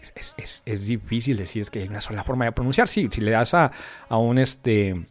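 A man with a Mexican accent, an English teacher giving a friendly, chatty podcast lesson with frequent filler pauses. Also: fairly low pitch, soft background music.

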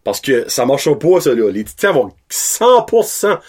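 Animated man talking hockey. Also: on the high side, normal speed, husky. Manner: lively, mixes English words into French. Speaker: podcast co-host. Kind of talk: casual hockey chat.

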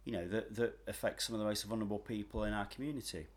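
A man's voice: lowish voice, steady tone, rapid-fire. A man co-hosting a casual chat, talking with frequent restarts and strong opinions. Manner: hesitant, restarts often, opinionated. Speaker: podcast co-host, former mental health worker.

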